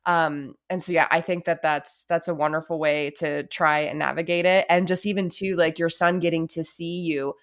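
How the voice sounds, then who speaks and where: A woman's voice: deep voice, fairly even intonation, normal speed, hardly any pauses. A woman hosting a podcast, speaking in an encouraging, chatty way with lots of "like". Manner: warm, encouraging, many "like"s. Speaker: podcast host. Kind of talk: casual interview chat.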